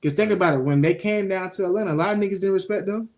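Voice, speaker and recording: A young man, co-hosting a casual show review and telling stories in an animated, streetwise way, swearing freely. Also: high voice, racing. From Jacksonville, Florida (Duval). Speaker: podcast co-host.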